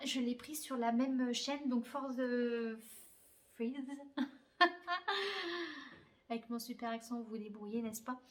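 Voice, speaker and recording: A woman's voice: high voice, fairly bright tone. A young woman chatting casually about her crochet projects, with many fillers and blunt slangy asides. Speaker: crafting podcaster. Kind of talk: casual chat. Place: her bedroom.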